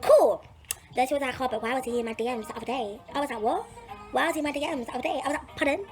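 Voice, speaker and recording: Faint music sits behind a young adult woman with a London accent who fires off a personal anecdote in a high-pitched voice. She's lively and slangy, echoing her own phrases for emphasis.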